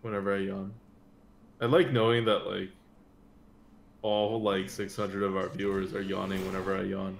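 Tired, gravelly man streaming a game. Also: low-pitched, flat delivery, moderate pace, pauses often, slight background noise. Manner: tired, drowsy, yawning. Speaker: streamer playing a card game. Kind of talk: casual gameplay chat.

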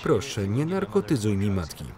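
A man's voice: fairly low pitch, very animated, moderate pace. A man reading a film voice-over, speaking every character's lines in one voice. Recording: voice-over laid over film sound with crowd noise.

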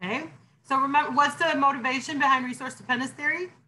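A low-voiced female instructor runs an online class discussion at a fast pace, getting emphatic and animated whenever theory comes up. There's a faint hiss or hum on the recording.

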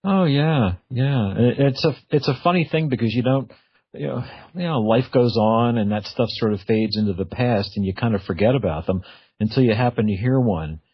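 A radio host with a mid-range, slightly rough voice talks at a moderate pace, chatting casually and hesitantly as he searches for words in an interview. The audio is dull, lo-fi, and dry with no room sound.

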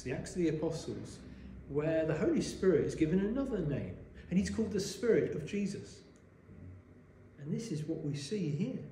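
A man preaching a sermon, explaining a Bible passage in a measured way and asking rhetorical questions, recorded in a church. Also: fairly high pitch, dark tone, a little hiss or hum. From Wales. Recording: echoey church room.

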